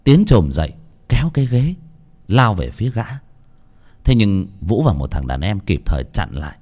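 Male audiobook narrator, low voice, lively dramatic delivery, faint music underneath. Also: normal speed. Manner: expressive, dramatic storytelling. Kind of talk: scripted narration of a serialized novel. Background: faint background music.

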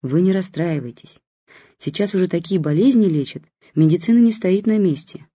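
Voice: medium pitch, lively intonation, normal speed, dark tone, breathy edge, dull audio. A reader doing a polite consoling stranger. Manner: polite, reassuring.

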